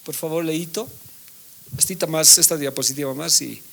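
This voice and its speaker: A man's voice: a little high, moderate pace, gravelly, slight background noise. A man teaching a Bible class as a pastor, reading scripture aloud and putting questions to his listeners that he then answers himself. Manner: animated preaching, reads scripture aloud, asks the congregation questions. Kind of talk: sermon.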